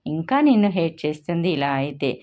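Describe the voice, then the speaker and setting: A woman voicing a sensible female friend in a storybook reading, speaking softly and calmly. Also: sits low, fairly quick, lo-fi sound. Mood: soothing. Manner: soft and reasoning.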